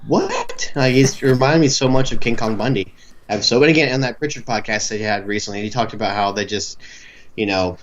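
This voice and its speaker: A man's voice: on the low side, fairly even intonation, fast talker, highs cut off, slight background noise. A man co-hosting a podcast in casual chat, telling stories animatedly and laughing easily. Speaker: podcast co-host.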